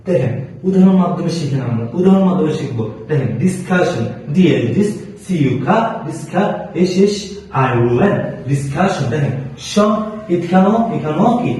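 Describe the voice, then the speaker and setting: A man's voice: fairly high pitch, animated, fairly quick, dark tone, very echoey, far from the mic, rough recording. A man teaching spoken English pronunciation. He spells words out letter by letter and answers his own questions. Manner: repeats answers in call-and-response questions. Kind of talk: classroom lesson.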